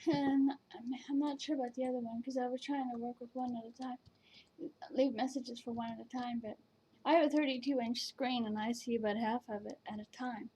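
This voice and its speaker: A woman's voice: on the high side, fairly even intonation, brisk, mellow, a little hiss or hum. A woman casually chatting at home at her computer, rambling and hesitant, with many fillers and restarts. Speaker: vlogger reviewing virtual canes. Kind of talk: casual chat.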